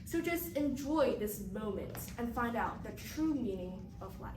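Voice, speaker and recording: A woman's voice: fairly high pitch, expressive, measured pace. A woman delivering a rehearsed motivational speech at a contest. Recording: echoey room, distant mic, loud noise.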